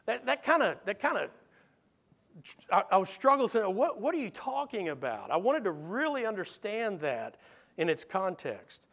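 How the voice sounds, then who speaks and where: Earnest high-voiced male pastor. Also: sing-song, normal speed, vocal fry, fairly bright tone. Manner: earnest, rising to exasperated emphasis when voicing Jesus. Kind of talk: sermon.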